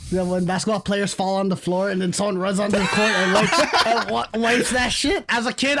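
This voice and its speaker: A man's voice: high voice, fairly bright tone. A young man co-hosting a casual podcast, jokey and rambling, laughing often. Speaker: podcast co-host. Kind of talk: casual chat.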